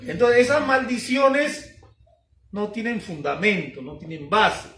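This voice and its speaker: A Peruvian pastor with a high-sitting, fairly bright voice delivers a sermon at a measured pace, preaching emphatically and asking rhetorical question after rhetorical question. He's far from the mic, so the sound is roomy.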